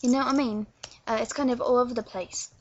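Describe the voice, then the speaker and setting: A woman's voice: fairly high pitch, fairly even intonation, fast talker, a little mellow, slight background noise. A woman from London with a London accent, hesitantly explaining accents in a casual tutorial vlog and often stumbling over her words. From England. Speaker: vlogger teaching accents. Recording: dull lo-fi webcam sound.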